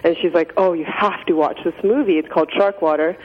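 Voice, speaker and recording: A woman's voice: fairly low pitch, steady tone, a little fast. A young woman from Canada talking casually as a radio guest, chatty and full of fillers. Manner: chatty, many fillers and likes. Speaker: guest, nonprofit founder. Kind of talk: casual interview answers. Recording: dull radio sound with long reverb.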